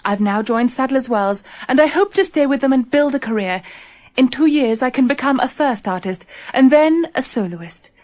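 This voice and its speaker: A woman's voice: high-pitched, lively intonation, normal speed, a little mellow. A woman reading the part of a hopeful young female ballet student in a scripted exam monologue, eager in tone.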